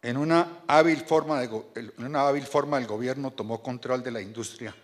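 A board chairman from Colombia, speaking at a medium pitch, reads a formal address from his notes into a stand-mounted podium microphone. The setting is a large banquet hall, and his delivery is earnest and measured, with minor restarts.

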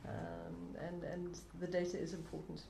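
A woman's voice: fairly low pitch, expressive, unhurried, gravelly. A woman answering on a panel discussion, thoughtful and repeating words as she goes, in an echoey lecture room. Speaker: panelist, academic. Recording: echoey room, faint hiss.

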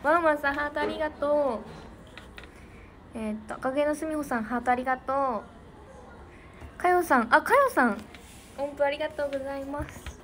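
A woman's voice: high-pitched, normal speed, long pauses. A teenage girl from Niigata hosting a casual livestream, chatting and thanking viewers for their comments. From Niigata, Japan. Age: teens. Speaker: idol livestream host. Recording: noisy livestream audio.

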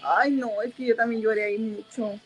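A Mexican woman with a slightly high voice talks casually while applying her makeup. She is chatty and giggles often, padding her sentences with loose fillers. Faint music plays behind her. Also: steady tone, moderate pace, husky, rough recording. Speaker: makeup seller and host.

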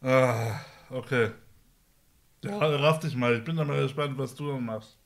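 A man's voice: mid-range voice, a little slow, gravelly. A young man chatting casually and colloquially as he takes part in a challenge. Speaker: challenge participant. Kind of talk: casual chat. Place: small indoor room.

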